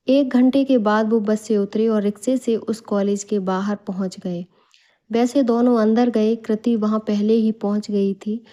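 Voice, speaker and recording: Woman narrator for a bedtime storybook, calm and even, warm mellow tone. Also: medium pitch. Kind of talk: scripted narration.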